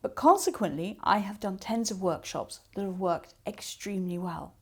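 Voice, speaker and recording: A woman with a mid-range, slightly rough and a little mellow voice talks at normal speed as a coach. Her instructional talk offers practical tips step by step, with illustrative examples she acts out as remarks.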